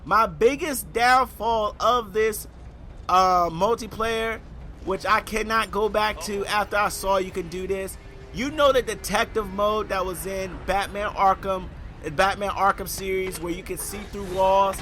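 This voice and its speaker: A young man with a high, bright voice talks through a video game review in a loose, chatty way. He speaks straight to his viewers and calls them y'all. His tone stays relaxed and conversational. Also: a little slow, a little hiss or hum.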